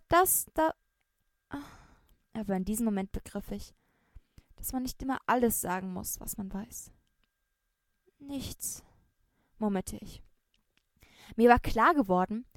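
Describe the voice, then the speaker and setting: A woman reading a first-person story aloud with expressive, lively storytelling. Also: mid-range voice, no echo, studio quality. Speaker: narrator.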